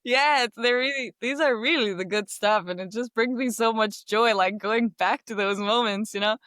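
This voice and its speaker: Here the Albanian-speaking game designer from Kosovo, in her thirties, sounds on the high side and fairly bright, at a moderate pace, in a studio-quality recording with no room sound. As a podcast guest she reflects casually, frequently saying "like" and "right?".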